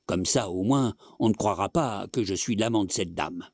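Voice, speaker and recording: A man's voice: on the low side, moderate pace, a little mellow, no room sound, studio quality. A man voicing a hot-headed young man who speaks curtly and through his teeth. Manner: curt, hissing.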